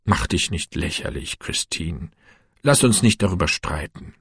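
A curt, impatient young husband, as the narrator plays him, brushing off reproach in a husky voice pitched slightly lower than his narration. His replies are short and defensive. Close, dry audiobook recording. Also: animated, measured pace, no echo, heavily acted. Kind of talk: audiobook reading.

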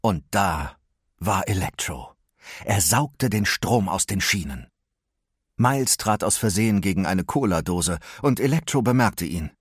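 A man narrating a children's storybook in a steady storytelling manner. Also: sits low, measured pace, husky, dry recording, studio quality.

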